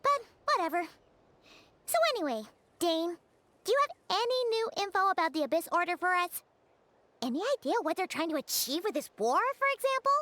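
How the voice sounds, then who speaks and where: A woman's voice: very high-pitched, very animated, brisk, a bit bright, dry recording, full character voice. A woman voicing a small, blunt, chirpy floating girl companion in a game, talking casually and teasing. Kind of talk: game voice acting.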